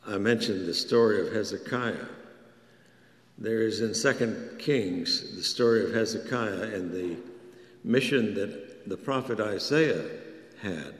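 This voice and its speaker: A man preaches at an unhurried, measured pace, drawing out the stories and giving the prayers and quoted words voices of their own. His voice rings through a large hall with a long, trailing echo. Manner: slow, storytelling, acts out prayers and quotes with rising pitch. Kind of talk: sermon. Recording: echoey hall with long reverb.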